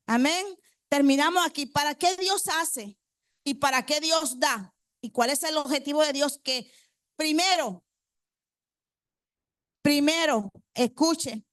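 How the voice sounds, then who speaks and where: A woman's voice: sits high, fairly bright tone, dry recording, studio quality. A woman preacher delivering a congregational sermon. She quizzes the congregation with rhetorical questions and repeats key phrases for emphasis.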